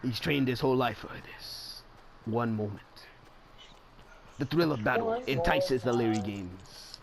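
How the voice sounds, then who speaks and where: A man voicing a solemn, awed nature documentary narrator in a deliberate, dramatic mock-wildlife commentary. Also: medium pitch, expressive, vocal fry, background noise, pitched below the performer's own voice. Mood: grave, dramatic. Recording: music behind the voice.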